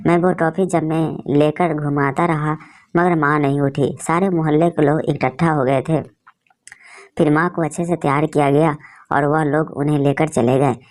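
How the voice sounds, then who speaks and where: A woman narrating an emotional story in a steady, feeling storytelling manner. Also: deep voice, moderate pace.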